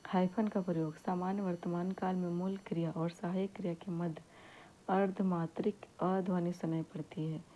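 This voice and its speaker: A woman teaching an exam-prep grammar lesson, saying each example word slowly and then repeating it. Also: on the low side, steady tone, mellow, dull audio, a little hiss or hum.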